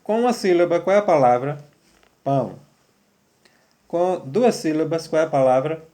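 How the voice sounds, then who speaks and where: A man's voice: a little high, expressive, moderate pace, mellow. A man teaching a third-grade language lesson, patiently spelling out syllables and praising pupils. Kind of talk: remote classroom lesson.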